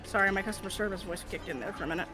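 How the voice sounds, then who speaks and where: A woman's voice: medium pitch, very fast. A woman bantering casually and narrating bits of a tabletop role-playing game. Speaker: tabletop game player voicing side characters. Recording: music playing behind the voice. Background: music.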